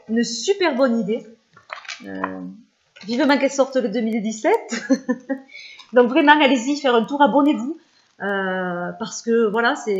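A woman's voice: a little high, muffled recording. A French-speaking woman vlogger chatting casually about her favorite channels, with many hesitations and fillers.

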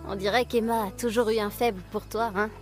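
A woman's voice: fairly high pitch, fairly even intonation, fairly quick, close to an everyday voice. An actress playing a teasing, pointed young woman in a horror game. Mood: pointed, uneasy. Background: prominent game music.

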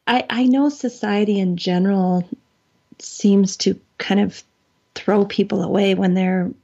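A woman's voice: medium pitch, steady tone, measured pace, vocal fry, mellow, husky, highs cut off. A woman in her forties, a podcast guest, talking in an earnest, thoughtful and chatty way. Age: 40s. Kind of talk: casual conversation.

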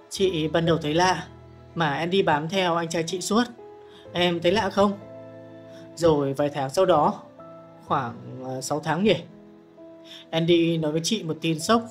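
A grieving young sister presses for the truth in a tearful, insistent voice, as a male reader puts her on. Her pitch sits above his usual reading voice. A faint guitar plays underneath the audiobook. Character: grieving young woman, emotional older sister. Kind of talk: audiobook character voice.

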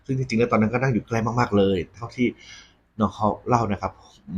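Guy hosting ghost storytime, lowish husky voice, chatty but polite. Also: steady tone, quick pace, a little mellow, highs cut off. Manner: polite, frequent Thai male polite particles. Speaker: host of a ghost story segment. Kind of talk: conversational ghost storytelling to an audience.

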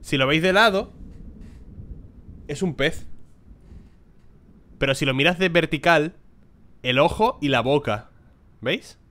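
A man's voice: a little high, lively intonation, takes it slowly, long pauses, a bit bright. A man, giving casual let's-play commentary on a horror game, chatting to his viewers and swearing freely. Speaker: gaming YouTuber.

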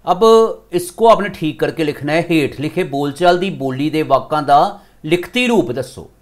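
A male school teacher with a Punjabi accent, slowly explaining a grammar lesson step by step, switching between two languages. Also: a little high, lively intonation.

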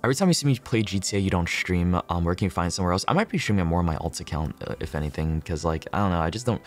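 A man with a low, expressive voice livestreams a game, talking at a racing pace. He chats casually with viewers, swears freely, repeats himself and thinks out loud.

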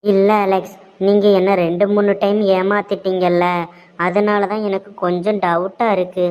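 A woman voicing a trusting, anxious pregnant young woman in a cartoon, speaking softly and politely with a Tirunelveli Tamil accent. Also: mid-range voice, level tone, normal speed, clean tone, lightly acted. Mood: gentle worry. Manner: soft, worried, polite. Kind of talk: cartoon voice acting. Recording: dull lo-fi sound.

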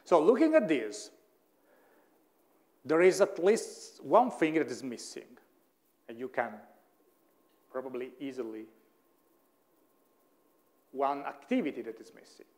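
Male university lecturer, Italian native speaker, mid-pitched, self-correcting, checking in with the class. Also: expressive, unhurried, long pauses, darkish tone. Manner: thinking aloud, frequent "hmm?" checks with listeners, self-corrections.

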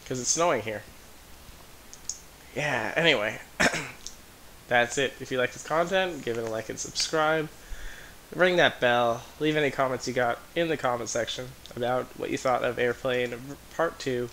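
A man's voice: mid-range voice, normal speed, bright, forceful tone, slight background noise. Breathless man giving a rambling reaction. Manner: rambling, full of "like" and "um". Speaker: music video reactor. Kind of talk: casual reaction commentary.

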